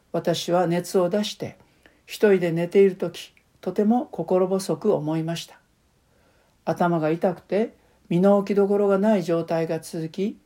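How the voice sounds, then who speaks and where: A woman giving a calm, measured sermon that mixes scripture reading with a personal testimony. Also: fairly low pitch. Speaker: preacher.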